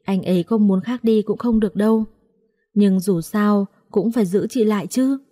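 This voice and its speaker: A gentle young woman from an audiobook story, soft-spoken and quietly resigned, as a woman reads her. The tone is warm and mellow at a middling pitch. She talks calmly and chides gently. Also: normal speed, lightly acted. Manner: soft, calm and gently chiding.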